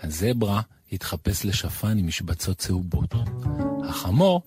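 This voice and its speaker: A man radio host reading a children's story aloud in an animated storytelling manner. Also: low voice. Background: music.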